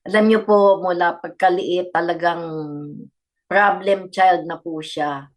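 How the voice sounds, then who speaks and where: A woman's voice: fairly low pitch, steady tone, takes it slowly. An older woman, a grandmother, giving a personal testimony in a radio interview with earnest storytelling. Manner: earnest storytelling, mixing Tagalog and English. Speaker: guest grandmother.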